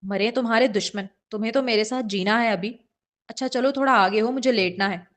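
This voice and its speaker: A woman's voice: fairly high pitch, natural voice. A woman voicing a playful young wife in an audiobook reading, coaxing and teasing in a light voice.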